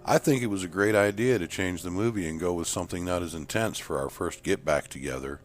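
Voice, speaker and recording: A man voicing a gentle, shaken woman friend in a spooky short story, read softly and earnestly. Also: deep voice, fairly quick, faint music behind, lightly acted.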